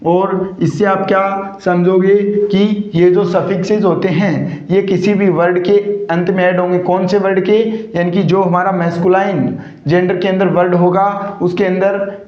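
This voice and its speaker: High-voiced man teaching in an echoey room. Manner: asks questions and answers them himself, repeating key points. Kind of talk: classroom grammar lecture. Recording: echoey, dull lo-fi room sound.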